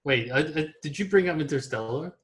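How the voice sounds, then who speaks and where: A man's voice: fairly high pitch, lively intonation, brisk. A man in casual chat about movies, joking sarcastically and restarting his sentences often. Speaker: scientist discussing movies.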